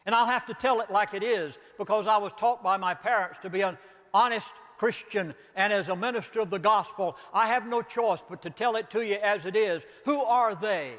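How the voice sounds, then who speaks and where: A man's voice: high-pitched, fairly quick, fairly bright tone, big-room sound. An older man with a Southern accent, a pastor giving an impassioned lecture, emphatic and pleading, asking rhetorical questions.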